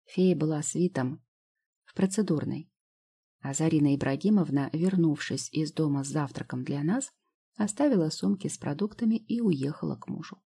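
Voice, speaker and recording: A woman narrating a first-person novel in an even, steady storytelling manner. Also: sits low, normal speed, gravelly, husky. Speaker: audiobook narrator.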